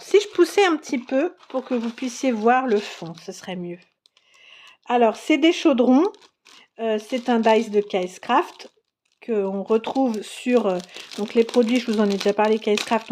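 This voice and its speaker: There's a slight hiss or hum behind this French woman's a-little-high, a-little-mellow voice as she narrates a crafting unboxing. Chatty and eager, she exclaims over each item and laughs often.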